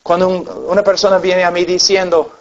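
A man's voice: high-pitched, little pitch movement, a little fast. A man preaching a sermon to a congregation, telling stories earnestly and acting out the people in them, on a dull lo-fi recording. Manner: earnest storytelling with acted-out voices.

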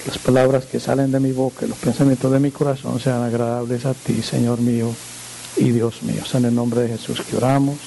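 A male pastor reading scripture aloud in a sermon and praying, slow and solemn, lifting his voice for quoted speech. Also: medium pitch, flat delivery, creaky, dark tone, a little hiss or hum, rough recording. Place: church.

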